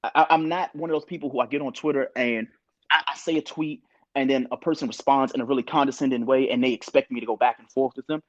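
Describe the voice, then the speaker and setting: A young adult man co-hosting a podcast, talking in an animated, opinionated way and sometimes quoting others. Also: mid-range voice, quick pace, no room sound, highs cut off. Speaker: podcast co-host. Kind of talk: casual podcast discussion.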